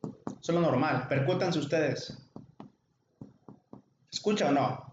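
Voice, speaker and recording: A man's voice: fairly high pitch, unhurried, noisy background. A man with a Mexican accent teaching a medical class, chatty and joking, calling on students by name. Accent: Mexican Spanish. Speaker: medical lecturer. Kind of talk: informal online class. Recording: echoey, dull lo-fi room recording.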